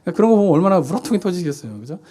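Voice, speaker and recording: Speaking very fast and with great animation, a pastor in his thirties preaches in a church sanctuary, his high voice carrying a warm tone. His style is conversational, full of rhetorical questions he answers on his own.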